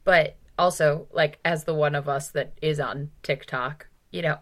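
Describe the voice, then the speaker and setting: Speaking a little slowly, a low-pitched woman with fairly even intonation and a somewhat bright tone co-hosts a relaxed podcast about books. She's emphatic and informal, leaning on "like" frequently and tossing in mild curses.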